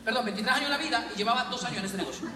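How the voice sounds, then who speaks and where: A man giving an animated motivational seminar talk full of stories and jokes to a live audience. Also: very high-pitched, racing. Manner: animated, storytelling, jokes with the crowd. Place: large hall with an audience. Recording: echoey hall, distant mic, crowd and noise.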